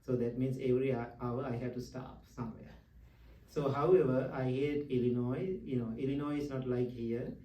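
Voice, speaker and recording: Man, monk teacher, very dark mellow voice, anecdotal dharma talk, roomy echo from a distant mic. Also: medium pitch, steady tone, normal speed. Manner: anecdotal, chuckling, simple broken English. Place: retreat meditation hall.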